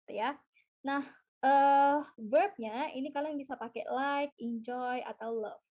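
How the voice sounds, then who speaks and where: Woman, teacher, webinar lesson, high voice, slightly dull audio. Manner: mixes English into explanations, slow model sentences. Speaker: English teacher. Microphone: video call.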